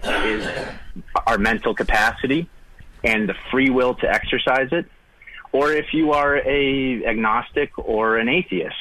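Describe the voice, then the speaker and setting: A man's voice: on the low side, a bit bright, rough recording. A man, calling in to a radio show and explaining earnestly with many fillers. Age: 30s. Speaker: caller.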